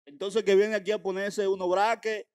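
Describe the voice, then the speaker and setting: A man's voice: high-pitched, flat delivery, moderate pace, a little mellow, clear, resonant tone. A young man with a Dominican Spanish accent, casually interviewing with probing, incredulous, repeated questions. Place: small furnished room indoors. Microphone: handheld microphone.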